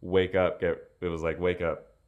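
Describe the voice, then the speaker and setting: A man's voice: deep voice, moderate pace, phone-quality sound. A young man hosting a podcast in casual chat, telling stories with lots of laughter. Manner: animated storytelling, laughs often. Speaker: podcast host.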